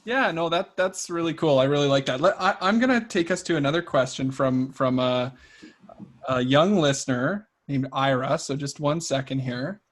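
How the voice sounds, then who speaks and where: A man's voice: a little high, moderate pace. A man hosting a casual podcast interview, affirming his guest often. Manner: affirming, chatty, says yeah a lot. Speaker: podcast host.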